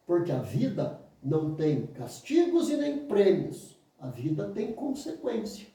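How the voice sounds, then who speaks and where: A man in his fifties with a Brazilian Portuguese accent, teaching oratory in an emphatic motivational lecture that mimics excuses in a higher voice and answers them low and firm. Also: wildly swooping pitch, unhurried, mellow. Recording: very echoey room, mic far off.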